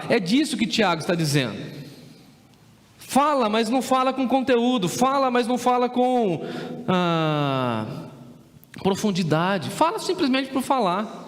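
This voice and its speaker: High-voiced Brazilian pastor preaching, reverberant. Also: male voice. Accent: Brazilian Portuguese. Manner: emphatic, asks the congregation rhetorical questions. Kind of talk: sermon. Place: church sanctuary. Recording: long church reverb.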